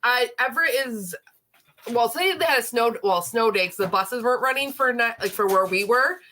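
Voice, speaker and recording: Hosting a laid-back livestream, this woman in her late 30s rambles and chats with frequent fillers, sounding congested from an illness that hasn't cleared. Her higher voice is expressive and a little fast, with a pushed, bright quality.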